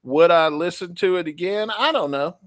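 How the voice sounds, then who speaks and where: A man's voice: high voice, moderate pace, no room sound, clean studio sound. A man from the southern United States co-hosting a music review show in casual chat. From Memphis, United States.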